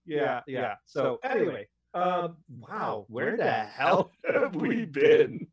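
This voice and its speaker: A man hosting a casual gaming podcast, excitable and rambling, laughing between his words. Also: fairly high pitch, slow pace, highs cut off. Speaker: podcast host. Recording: roomy echo.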